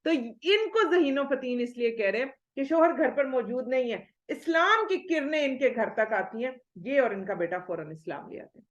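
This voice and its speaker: Lively woman giving a religious lecture. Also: high-pitched, hardly any pauses, lo-fi sound. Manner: lively, rhetorical questions, acts out quoted speech. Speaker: Islamic studies lecturer.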